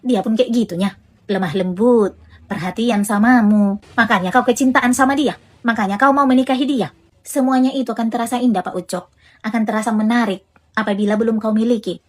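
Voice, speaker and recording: A woman's voice: fairly high pitch, a little fast, natural voice. A woman playing a blunt Medan-accented scolding mother. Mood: lecturing. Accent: Medan Indonesian. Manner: scolding, preachy, repeats herself for emphasis. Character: blunt scolding mother lecturing her grown son. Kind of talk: comedic family skit.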